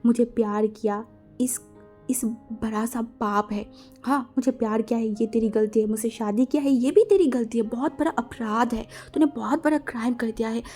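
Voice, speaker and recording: A woman voicing a calm, possessive older husband who speaks softly and slowly, in a read-aloud fan story. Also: a little high, soft background music, close to an everyday voice. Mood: hushed intense. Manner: soft, hushed and slow in long speeches. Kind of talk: storytelling with acted dialogue.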